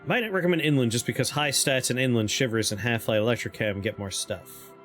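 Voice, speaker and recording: A man's voice: mid-range voice, a little fast, fairly bright tone. A man livestreaming a game, chatting casually and reading options aloud as he plays. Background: faint game music.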